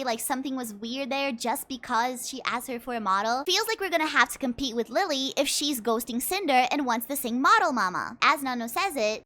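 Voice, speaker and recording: A woman's voice: high voice, pushed and bright. A woman making a commentary video in a casual, earnest way, her voice shaky with emotion and her words often repeated. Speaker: commentary YouTuber.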